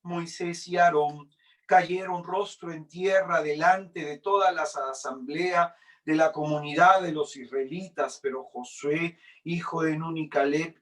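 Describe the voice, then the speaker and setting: A man reading scripture aloud in a sermon, deliberate and dramatic, his loudness swinging up and down. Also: fairly high pitch, recorded from a distance. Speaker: preacher.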